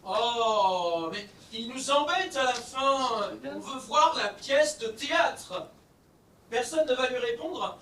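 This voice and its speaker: A man's voice: very high-pitched, lively intonation, slow pace, sharp tone, roomy sound, far from the mic, slight background noise, heavily acted. A man playing a rude young nobleman who taunts and insults in an amateur stage play. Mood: taunting.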